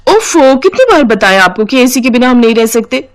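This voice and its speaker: Whiny, lazy young sister-in-law, high and loud, a woman putting it on, cartoon. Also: sing-song, fairly quick. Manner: whiny, dismissive.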